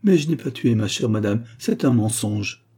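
A man's voice: medium pitch, lively intonation, moderate pace, dark tone, husky. A man voicing a frightened servant woman who tearfully protests her innocence. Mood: pleading.

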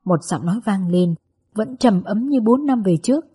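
Breathy woman reading an audiobook story, soft and wistful, mellow tone. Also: mid-range voice, lively intonation, normal speed. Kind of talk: first-person audiobook narration.

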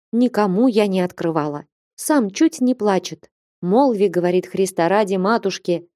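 A woman's voice: mid-range voice, warm tone, no echo, clean studio sound, close to an everyday voice. A woman voicing a humble, anxious old nun treasurer in an audiobook, pleading and lamenting. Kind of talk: audiobook character reading.

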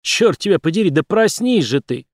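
A man voicing a fat, prosperous male street trader who talks down to people loudly. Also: sits high, very animated, moderate pace, no room sound, studio quality, pitched above the performer's own voice. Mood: mocking. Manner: loud, condescending jeering. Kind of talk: audiobook character voice.

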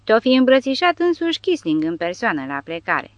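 A woman's voice: fairly high pitch, sing-song, dry recording, highs cut off, voice pushed up. A woman voicing a scornful, mocking soldier. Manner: scolding and sarcastic.

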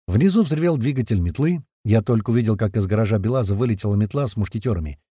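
Brief: male audiobook narrator, dark tone, lively pitch, dry close sound, chatty first person. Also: fast talker, breathy edge, dry recording. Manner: conversational, swears casually.

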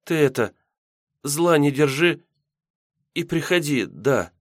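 A man's voice: takes it slowly, dry recording, clean studio sound. A man voicing a young village healer girl, hot-tempered and emotional. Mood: tender. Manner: shrill, emotional outbursts.

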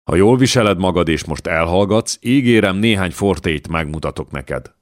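A man voicing a gruff, boastful young male warrior in a storybook reading, threatening and then grudgingly gentle. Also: deep voice, lively intonation, no room sound, clean studio sound.

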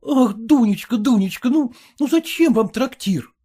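A man's voice: very high voice, animated, a little slow, warm tone, husky, exaggerated voice. A man reading aloud, voicing an earnest, jealous and self-satisfied male suitor who pleads fervently. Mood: pleading.

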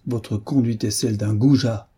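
Stern old marquis from an old novel, husky and dark, a man reading it. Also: fairly low pitch, steady tone, normal speed. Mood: indignant. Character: stern older marquis, stiff and authoritative. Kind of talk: scripted narration of a novel.

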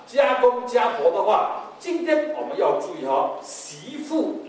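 A man preaching a sermon as pastor, lively and animated, acting out family members in quoted voices. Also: sits high. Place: church hall. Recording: very echoey hall, mic far off, faint noise.

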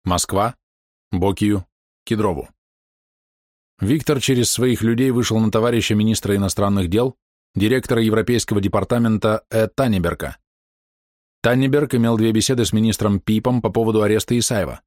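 A man reading an audiobook narration in a steady, even manner. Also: fairly low pitch, a little fast, no echo, studio quality.

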